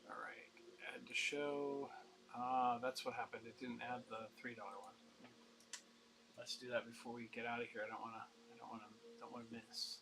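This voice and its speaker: A man's voice: mid-range voice, little pitch movement, normal speed, background noise. A man running a casual live-stream comic auction, chatty and upbeat, rambling and laughing as he talks.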